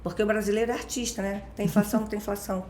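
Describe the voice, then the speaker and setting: A woman's voice: mid-range voice, steady tone, racing, a little mellow, reverberant, a little hiss or hum. A woman with a Rio de Janeiro accent, a guest expert explaining things in casual chat with everyday examples and constant tag questions. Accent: Rio de Janeiro Portuguese. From Brazil, born in Minas Gerais.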